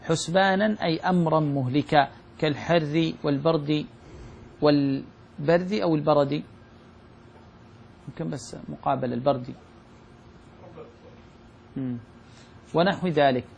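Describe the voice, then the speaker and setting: A man reading a classical religious commentary aloud in a class, moving quickly through the text and slowing down to quote verses. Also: on the high side, vocal fry, darkish tone, muffled recording, a little hiss or hum.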